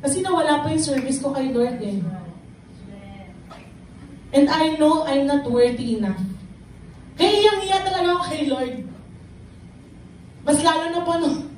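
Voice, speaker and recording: A woman's voice: high-pitched, a little mellow, very echoey, recorded from a distance, a little hiss or hum, poor audio. Earnest Filipino woman giving church testimony. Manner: emotional, earnest, mixing Tagalog and English. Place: church hall.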